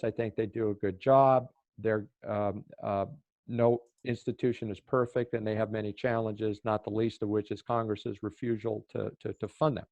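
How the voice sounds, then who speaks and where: An older man from Oregon, a former official on a panel, explaining at length in a measured way, with some fillers and restarts. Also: mid-range voice, darkish tone, no room sound. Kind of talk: panel discussion answer.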